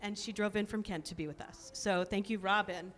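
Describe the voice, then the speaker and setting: Her medium-pitched, slightly bright voice stays steady and fairly quick as this woman welcomes guests and thanks helpers before worship. She leads the congregation in a chatty, upbeat manner with frequent laughs, and the synagogue sanctuary lends a long hall reverb.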